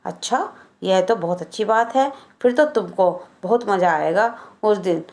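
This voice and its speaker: A woman's voice: medium pitch, a little slow, darkish tone, lightly acted. A woman voicing an anxious, flustered poor village mother who stammers and pleads. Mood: gentle. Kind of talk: storybook narration.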